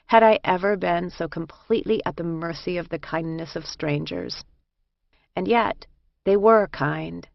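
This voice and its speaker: A woman narrating a first-person memoir in a measured, reflective way. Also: low-pitched, vocal fry, no echo. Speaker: audiobook narrator. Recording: dry, slightly muffled recording.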